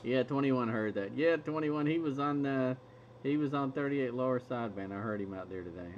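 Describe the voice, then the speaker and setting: A man hosts a radio hobby stream, chatting casually and laughing often between stories. His mid-range voice is brisk. The recording is muffled and lo-fi, with faint hiss.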